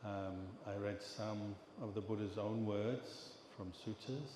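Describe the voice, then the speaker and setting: Here a low, flat-voiced Englishman, an older monk and teacher, delivers a dharma talk. He tells his stories calmly and deliberately, pausing often, while the hall around him adds long reverb, echo, and background noise.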